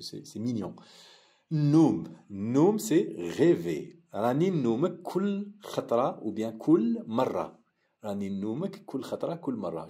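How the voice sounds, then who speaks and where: Low-voiced man teaching a language lesson. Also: dark tone. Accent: Algerian. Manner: repeats each phrase slowly, then translates.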